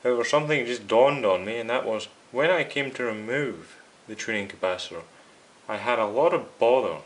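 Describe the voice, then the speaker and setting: Speaking a little fast in a mid-range voice, the host of a radio restoration series walks his viewers through a hands-on repair. His tone is casual as he explains each step directly to them.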